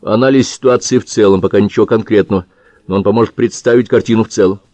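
A male audiobook reader voicing a composed head of an anti-terror agency who reports in a dry, measured way. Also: fairly low pitch, steady tone, dark tone, no room sound, natural voice. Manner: dry, measured, matter-of-fact. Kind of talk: audiobook character reading.

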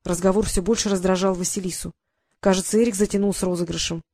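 A woman narrating a novel aloud in a steady storytelling voice. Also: on the low side, fast talker, dry recording, clean studio sound. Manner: steady storybook reading, quietly acts out the dialogue. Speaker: audiobook narrator. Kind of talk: scripted narration.

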